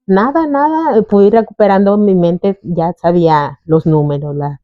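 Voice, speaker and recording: In a dry recording with the highs cut off, a young adult woman with a mid-range voice tells her own story as an interview guest, speaking at a measured pace. She's animated, acting out the voices of the people she quotes in this conversational testimony.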